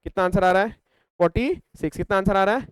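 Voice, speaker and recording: A man's voice: high voice, fairly even intonation, fast, clean tone, dry recording. A young man with an Indian accent teaching a math lesson, mixing Hindi and English and asking his class questions that he answers himself. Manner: talks over calculator steps, counting terms aloud. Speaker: math tutor.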